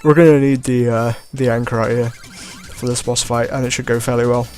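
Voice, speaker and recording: Laid-back guy talking over his game, mid pitch, chuckles a lot, faint game music under him. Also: normal speed. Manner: relaxed, chuckling, trailing "I guess". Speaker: let's play host. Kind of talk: gameplay commentary.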